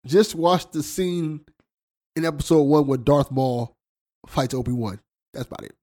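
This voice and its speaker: Male co-host, a bit higher pitch, easygoing but opinionated. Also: normal speed, warm tone. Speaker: podcast co-host. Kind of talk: casual podcast chat.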